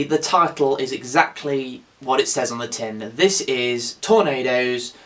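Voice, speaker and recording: A man casually reviewing a film on his channel, excitable and rambling, with some swearing. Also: medium pitch.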